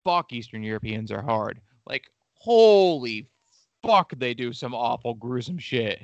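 A man's voice: medium pitch, very animated, unhurried, dry recording, dull audio. A man hosting a casual history podcast, telling the story with crude jokes and lots of swearing. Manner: crude, joking, swears often. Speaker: podcast host.

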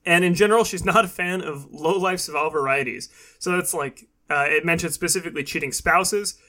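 Male podcast host, crisp bright edge, highish voice, conversational explainer. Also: a little fast. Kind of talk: casual podcast talk.

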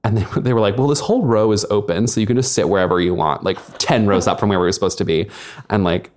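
A young man hosts a casual podcast chat, telling a long travel story in a rambling way. His voice sits a bit low, and his talk is full of fillers and swearing. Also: fast talker, darkish tone. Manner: rambling, frequent likes and swearing. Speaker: podcast host.

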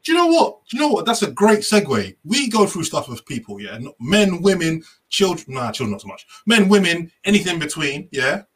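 London roadman guy hosting a podcast, forceful bright voice, bit raspy, slangy chat. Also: on the high side, sing-song, fairly quick, hardly any pauses. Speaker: podcast host. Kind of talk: casual group chat.

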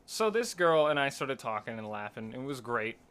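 A man's voice: mid-range voice, normal speed, clean tone. A man in his twenties telling a party story in casual podcast chat, acting out the voices he quotes. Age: 20s. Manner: animated, acts out quoted voices. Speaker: podcast co-host.

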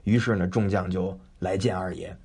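A man telling a traditional tale in an animated, conversational way with frequent fillers. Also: low-pitched, normal speed, gravelly, husky. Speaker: storyteller. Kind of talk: traditional oral storytelling.

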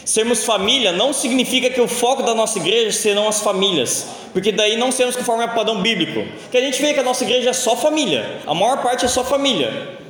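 A young man preaches a sermon in a high, light voice, telling stories in a loose and joking way. The sound bounces around a big church hall with a long reverb tail. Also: expressive, quick pace, fairly bright tone. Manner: casual, joking storytelling in a sermon.

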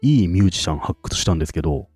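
A man's voice: sits low, expressive, rapid-fire, a little mellow, breathy edge, dry recording, soft background music. A man co-hosting a casual podcast chat, talking enthusiastically and laughing often. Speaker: podcast co-host.

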